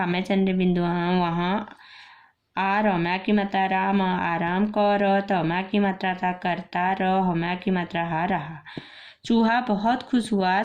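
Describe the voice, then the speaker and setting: A woman school teacher slowly spelling out a children's reading lesson syllable by syllable, repeating each word after she builds it. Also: medium pitch. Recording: muffled lo-fi recording.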